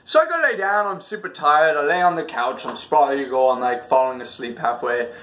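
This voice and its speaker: On the high side and a bit bright, this man's voice carries a comedic video of personal stories at a moderate pace. He delivers them theatrically and over the top, acting out reactions and supplying sound effects.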